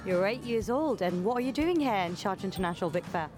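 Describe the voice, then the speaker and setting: A woman's voice: medium pitch, expressive, quick pace, music in the background. A woman working as a roving reporter, interviewing visitors at a book fair in an upbeat, chatty way, laughing easily. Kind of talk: vox-pop interviews.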